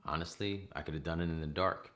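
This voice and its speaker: Very deep-voiced man hosting a cooking vlog. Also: fast talker. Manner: playful and animated, jokey asides. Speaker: cooking channel host. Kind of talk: casual talk to camera, then voice-over. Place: home kitchen, indoors.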